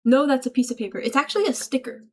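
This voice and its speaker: High-voiced playful woman streamer. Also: expressive, fast. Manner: playful, reads chat aloud and answers it with mock-serious bits. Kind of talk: casual livestream chat.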